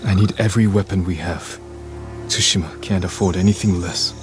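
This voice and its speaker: Actor voicing a deep-voiced, resolute samurai lord. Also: male voice, brisk, natural voice. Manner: steady, clipped and determined. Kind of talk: video game dialogue. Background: game music.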